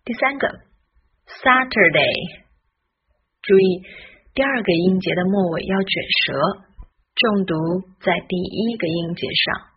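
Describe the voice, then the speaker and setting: A woman leads a pronunciation lesson at an unhurried pace, spelling words letter by letter and sounding each one out with care. Her voice is a little breathy, and the recording sounds dull and lo-fi. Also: medium pitch. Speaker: English pronunciation teacher. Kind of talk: slow, careful pronunciation lesson.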